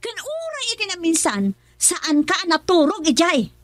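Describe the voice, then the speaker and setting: In a radio drama, an actress with an Ilocano accent plays a young wife who suspects her husband, pleading at first and then accusing him emotionally. Her very high voice swoops wildly in pitch, runs slightly slow and is heavily acted.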